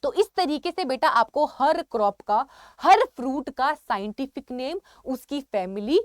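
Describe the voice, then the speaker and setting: An Indian woman teaching an online exam-prep class in a rather high voice. She talks students through each item, saying things twice and pronouncing scientific names slowly and clearly. The recording is close and dry, with no room sound. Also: expressive, dry recording. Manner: addresses students as "beta", repeats key points; reads scientific plant names aloud carefully.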